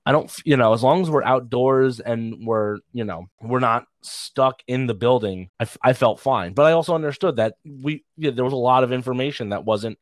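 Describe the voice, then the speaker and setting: A man's voice: medium pitch, moderate pace, few pauses, no room sound. Rambling, laughing male comedian storyteller. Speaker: comedian guest. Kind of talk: casual podcast chat.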